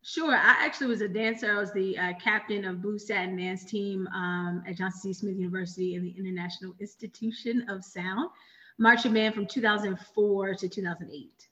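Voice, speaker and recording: A woman in her thirties from Richmond, Virginia, a guest telling stories in an animated, chatty way. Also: mid-range voice, a little fast. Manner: chatty, animated storytelling with fillers. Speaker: interview guest. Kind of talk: casual interview chat. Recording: dull lo-fi audio.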